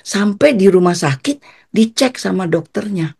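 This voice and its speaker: A woman giving a personal testimony as a guest, telling her story in an animated way and acting out the quotes. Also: unhurried, gravelly, slightly rough. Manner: animated, acts out quotes with pitch jumps.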